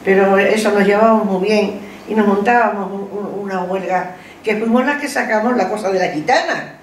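A woman's voice: medium pitch, a little fast, recorded from a distance. An elderly woman from Spain tells stories casually, repeating herself and exclaiming as she goes. The mic is some way off in a roomy living room, with faint background noise. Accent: Spanish from Spain. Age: elderly, over 70. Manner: lively, repetitive, exclamatory. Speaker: interviewee recalling her past. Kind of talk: casual reminiscing, animated anecdotes with acted quotes. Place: living room at home, seated in armchair. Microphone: camera a few metres away.

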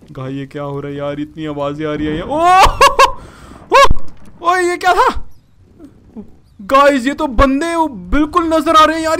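A man hosts a gaming channel and gives excited, panicky gameplay commentary. He keeps calling out to his viewers in a high, bright voice. Faint noise sits under the track. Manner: panicky, keeps addressing "guys" and exclaiming.

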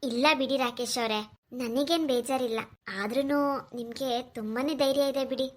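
A woman voicing a gentle young village woman in a cartoon, soft, earnest and close to tears. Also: sits high, a little slow. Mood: worried. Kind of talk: cartoon voice acting.

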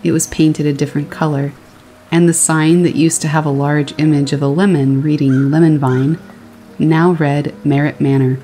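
Horror narrator reading a true scary story, even steady voice, rain and faint music behind. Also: mid-range voice, normal speed, low-quality recording. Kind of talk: reading a first-person horror story aloud. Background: rain sounds and faint music.

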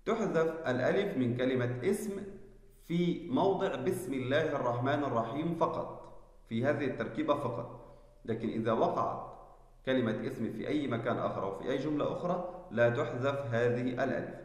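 A male teacher giving a spelling lesson, explaining slowly and deliberately and checking that students follow. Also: mid-range voice. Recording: echoey room with long reverb.

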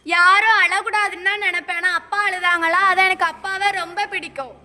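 A woman's voice: very high-pitched, fairly even intonation, a little fast, bright, forceful tone, big-room sound, slight background noise, heavily acted. A woman playing a stubborn, withdrawn teenage daughter who answers in blunt, pouting, childish retorts. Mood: sulky. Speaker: daughter at counseling. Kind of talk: amateur comedy stage acting.

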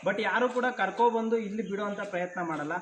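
A man's voice: high voice, brisk, reverberant, a crowd in the background, rough recording. A man running a shelter, making an earnest live video appeal and repeating his requests. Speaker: shelter founder.

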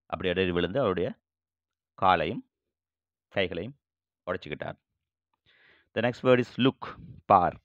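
A man teaching English vocabulary, saying each phrase slowly and then repeating it in translation. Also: deep voice, fairly bright tone, no room sound, lo-fi sound. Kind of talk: bilingual vocabulary lesson.

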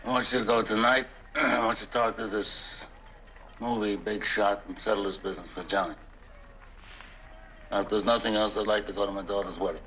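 An actor playing an aging mafia don who speaks with calm, measured authority in an old film scene. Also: male voice, on the low side, slight background noise, low-quality recording. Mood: commanding. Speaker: film character.

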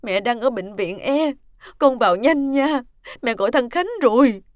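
A woman's voice: fairly high pitch, animated, unhurried, a little mellow, dry recording, clean studio sound, voice pushed up. A woman voicing an irritable, easily panicked elderly grandmother who cries out shrilly. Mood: frantic. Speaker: mother-in-law character.

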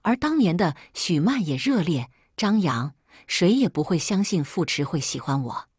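Low husky woman narrating a story. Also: sing-song, normal speed, a little mellow, dry recording, clean studio sound. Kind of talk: scripted first-person story narration.

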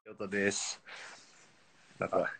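A man's voice: fairly low pitch, little pitch movement, takes it slowly, gravelly, fairly bright tone, a little hiss or hum. A man, chatting casually on a live stream and laughing often. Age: 40s. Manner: laid-back, laughs often, joking. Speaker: pro footballer, live-stream guest.

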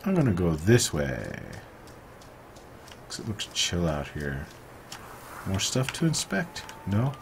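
Low-voiced dude cracking crude jokes over a game, bit of background hiss. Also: male voice, huge pitch swings, takes it slowly, long pauses. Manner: crude, joking, sarcastic. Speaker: video game player. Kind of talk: let's play commentary.

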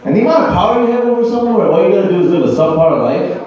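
A man doing a musing, deadpan observational stand-up set as the guest at a bar open mic. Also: sits high, very fast, crowd noise. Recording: distant echoey dull bar recording.

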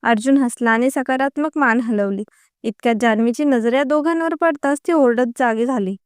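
A woman narrating a story in an even, unhurried reading voice. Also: fairly high pitch, smooth, dry recording, studio quality.

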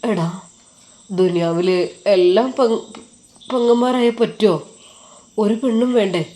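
A woman's voice: medium pitch, warm tone, natural voice. A woman voicing a worried young male friend who scolds and coaxes. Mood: worried coaxing. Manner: scolding, coaxing, brisk.

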